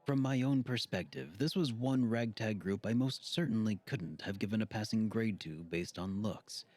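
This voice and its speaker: A man narrating an audiobook with a steady, measured reading. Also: lowish voice. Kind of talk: scripted narration.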